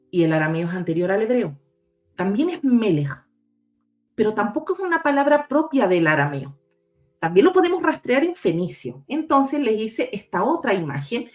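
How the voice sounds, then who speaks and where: A woman with a fairly high voice explains things step by step in a patient, teacherly way, spelling out letters one at a time. She speaks over a video call, with faint music underneath. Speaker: guest researcher. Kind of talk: explanatory talk with slides.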